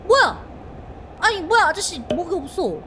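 A woman plays a horror game live in a very high, animated voice. She reacts casually and sounds scared, jumpy and quick to startle. Clear game noise and subway rumble sit behind her.

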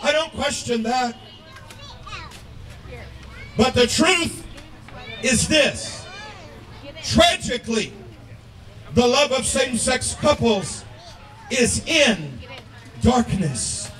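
Shouting man preaching at an outdoor rally. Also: very high-pitched, lively intonation, extremely slow, pauses often. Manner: shouting, declamatory. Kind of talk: open-air sermon. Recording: echoey and distant through a crowd.

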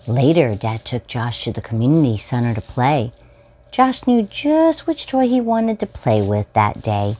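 Her pitch is extremely low and her pace a little slow, with the high frequencies cut off. This woman in her forties is a storytime host reading a children's story with expression, speaking to young children from a small furnished room at home.

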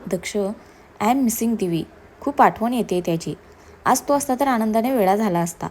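A woman's voice: fairly high pitch, lively intonation, normal speed, darkish tone. Woman voicing a feisty young bride. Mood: sad. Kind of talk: storybook narration.

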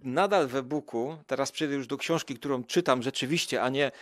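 A man's voice: medium pitch, brisk, dry recording. A man chatting casually as a podcast guest, rambling with many fillers and restarts. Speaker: podcast guest, food show creator. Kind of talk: casual chat.

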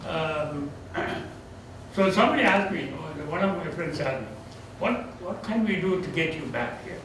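This older Tamil-accented man, a theology professor in his sixties who is retiring, speaks on the high side, expressively and a little slowly. His informal farewell lecture with Q&A is reflective and gently self-deprecating, and a far-off camera records it in an echoey, medium-sized indoor seminar room amid background noise.

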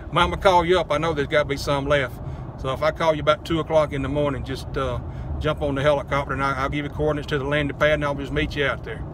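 A man's voice: on the high side, fairly bright tone, a little hiss or hum. A man, vlogging from a parked car in a rambling, joking, self-deprecating way on a phone held close. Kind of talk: casual car vlog.

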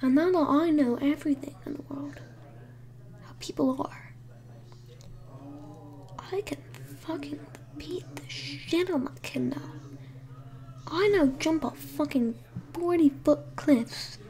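A woman's voice: sits high, slow, pauses often, a little mellow. A woman telling a casual storytime at home, rambling and swearing, sometimes dropping to a whisper. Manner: rambling and profane, with many fillers. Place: home room with someone asleep nearby.

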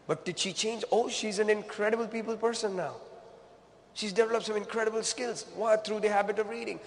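A man giving a motivational business talk on stage, energetic and repetitive, calling the crowd "gang", in a large hall. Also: sits high, fairly quick, a little hiss or hum.

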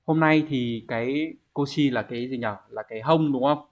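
A man's voice: medium pitch, normal speed. A man with a Vietnamese accent teaching a Japanese exam lesson, explaining each answer step by step and asking himself questions. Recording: dull lo-fi recording.

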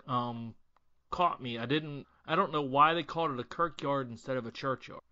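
Bright-voiced man retelling a movie. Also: medium pitch, normal speed, dry recording, muffled recording. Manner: conversational, retells the plot and acts out quotes. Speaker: podcast co-host. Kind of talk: casual chat.

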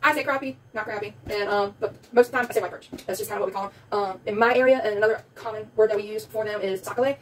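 Her mid-range voice moves very fast with few pauses as this young woman, a vlogger with a South Louisiana accent, chats through a haul video at home. She rambles and says um a lot. The recording comes from a phone camera placed back on a table in a small room, distant, with faint room noise.

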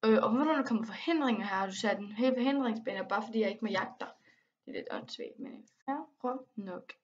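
A young woman giving casual gameplay commentary, excitable and quick to exclaim and complain, with English slang mixed in. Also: medium pitch, highs cut off. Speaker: gaming vlogger.

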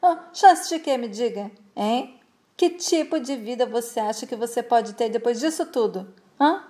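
A bitter, betrayed young father hurls accusations at his lover, as a woman retelling a soap opera voices him. His voice sits fairly high and has a mellow tone, climbing in indignation. He speaks like someone in a telenovela recap. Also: animated, normal speed, lightly acted. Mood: accusing.

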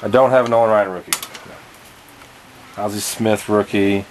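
A young man with a lowish voice talks offhandedly, listing items in a casual show-and-tell. He is recorded on a handheld camera in a cluttered basement room, with faint background noise under his voice. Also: steady tone, moderate pace, low-quality recording. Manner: offhand, rattling off items with fillers. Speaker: collector showing his collection.

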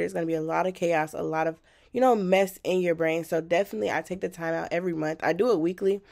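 A woman's voice: on the low side, vocal fry, darkish tone. A 19-year-old woman from Michigan talking casually to her viewers as she vlogs at home, calling them y'all. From Michigan, USA. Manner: chatty, addresses viewers as y'all. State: out of breath. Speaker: vlogger. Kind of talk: casual vlog talk. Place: home, indoors.

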